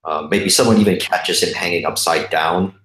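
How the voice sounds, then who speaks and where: A man playing a tabletop game, talking in a thoughtful, halting way. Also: sits low, fairly even intonation, a bit bright. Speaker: player. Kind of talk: casual play at a tabletop game. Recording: roomy echo.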